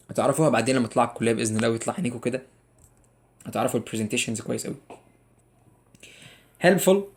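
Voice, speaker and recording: A young English teacher with an Egyptian Arabic accent leads a playful exam-prep lesson, speaking rapidly in a mid-range, slightly mellow voice. Jokey and teasing with his students, he drills each grammar rule by repeating it over and over.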